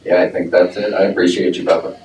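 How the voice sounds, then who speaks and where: Deep-voiced jokey man in an echoey room. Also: little pitch movement, fast talker, a little mellow. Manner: jokey, laughs often. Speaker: board meeting chair. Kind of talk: casual meeting talk. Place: meeting room. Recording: echoey room, distant mic, faint noise.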